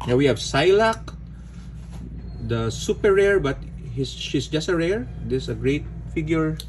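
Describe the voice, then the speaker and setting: A man from the Philippines casually narrating an unboxing, relaxed, with frequent "okay"s and fillers. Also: on the high side, measured pace. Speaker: unboxing vlogger. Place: indoors at a table. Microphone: phone or camera filming hands overhead. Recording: home recording with audible background noise.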